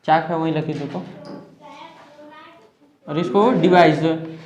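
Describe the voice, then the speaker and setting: A male teacher with a fairly high voice runs a classroom lesson, often asking the students whether they follow. The room rings with a strong echo. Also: takes it slowly, darkish tone. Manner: questioning, checks understanding often. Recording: echoey classroom.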